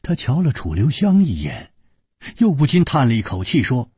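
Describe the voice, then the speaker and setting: A man narrating in radio storytelling, measured and expressive. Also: medium pitch, breathy edge, no echo, studio quality.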